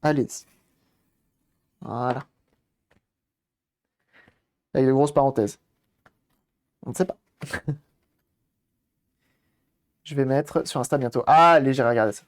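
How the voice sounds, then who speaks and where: A man's voice: mid-range voice, slow, pauses often. A man casually commenting on a live stream while repairing a game console, thinking aloud and greeting viewers as they arrive.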